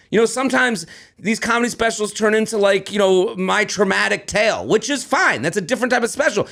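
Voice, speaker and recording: A man in his thirties, a comedian co-hosting a podcast, chatting casually and rambling excitedly as he promotes his work. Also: high voice, vocal fry. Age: 30s.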